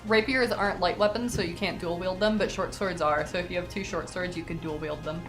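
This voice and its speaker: A woman's voice: fairly low pitch, steady tone, a little fast, roomy sound, faint music behind. A woman running a tabletop game as game master, narrating the action with many fillers and self-corrections.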